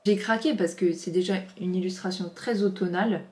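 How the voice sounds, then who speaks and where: A woman's voice: lowish voice, fairly even intonation, fairly quick, darkish tone. Gushing French woman in a roomy room. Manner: gushing, chatty, lots of exclamations. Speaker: vlogger. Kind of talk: casual unboxing chat. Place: home office. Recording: roomy echo.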